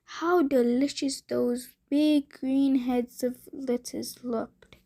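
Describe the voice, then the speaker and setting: A woman narrating a bedtime story for children in a gentle, deliberate way. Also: high-pitched, steady tone, creaky. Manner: slow, gentle, deliberate reading.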